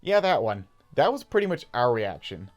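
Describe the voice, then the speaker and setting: A man's voice: medium pitch, very animated, normal speed, highs cut off, loud music behind the voice. A man in his thirties with an American accent, narrating personal gaming memories in a casual, conversational, nostalgic way. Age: 30s. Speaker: video game YouTuber. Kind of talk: casual personal storytelling voice-over.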